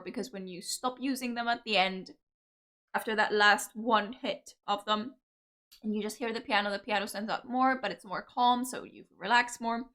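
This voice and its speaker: Her voice sits at a medium pitch with a fairly bright tone as this young Cypriot woman reacts to music for her video audience. She's gushing and enthusiastic, with plenty of fillers and warm, loving remarks throughout the casual commentary.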